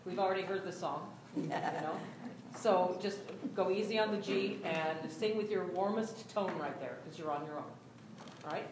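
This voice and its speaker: A woman directing a choir rehearsal, giving brisk, instructive notes to the singers. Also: fairly low pitch, background noise. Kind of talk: rehearsal coaching. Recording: very echoey rehearsal room.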